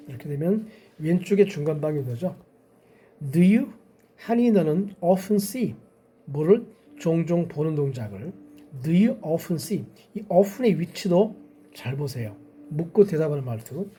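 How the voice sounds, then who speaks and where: Male English grammar teacher, slow, deliberate, very dark mellow tone with a husky edge. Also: on the high side, lively intonation. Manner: slow, step-by-step, slowly spelling out English example sentences. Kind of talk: explaining lesson to parents and teachers.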